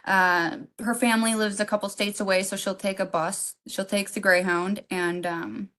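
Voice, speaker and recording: A woman's voice: mid-range voice, little pitch movement, normal speed, fairly bright tone. A middle-aged woman hosting a podcast, telling a personal story in a rambling, heartfelt way with many fillers and restarts. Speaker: podcast co-host.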